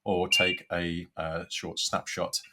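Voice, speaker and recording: Tapping through the steps of a product in a casual tutorial, a man hesitates and thinks out loud on each screen. His voice sits low and sounds pushed and bright, and he speaks slowly in a completely flat manner.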